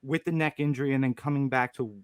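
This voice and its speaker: A man's voice: mid-range voice, steady tone, fast, clean tone, no echo. Eager man hosting an interview. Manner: eager interviewer with short agreeing replies. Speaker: podcast host. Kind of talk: casual interview chat.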